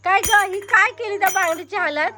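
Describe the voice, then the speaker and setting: Casual home vlogger mom, high bright-pitched woman, scolds and coaxes a toddler. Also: a little fast. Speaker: vlogger mother. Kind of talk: casual home vlog chat. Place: home, indoors.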